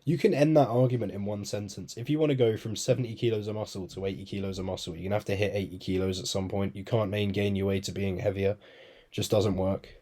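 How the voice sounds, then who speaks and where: A man's voice: on the low side, steady tone, quick pace, warm tone. A young man co-hosting a podcast, chatting casually and telling stories with plenty of laughs. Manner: laid-back, laughing storyteller. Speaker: podcast co-host. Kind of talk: casual chat.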